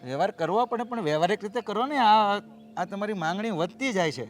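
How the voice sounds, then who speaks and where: A middle-aged actor playing a humble father who pleads earnestly and tries to calm others. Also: sits high, fairly quick, soft background music, close to an everyday voice. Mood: pleading. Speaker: actor in a family drama.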